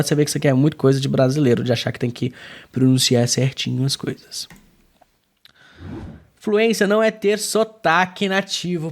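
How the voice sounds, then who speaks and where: A slightly high-voiced Brazilian man gives a casual video lesson. His delivery is emphatic and informal, swinging up and down in pitch and full of slang and filler tags. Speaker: English teacher.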